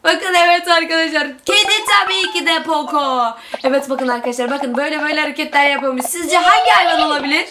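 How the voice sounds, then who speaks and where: A woman hosting a gaming video, giving excited let's-play commentary and constantly calling out to her viewers. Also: high voice, quick pace, hardly any pauses, background noise. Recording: loud game music behind.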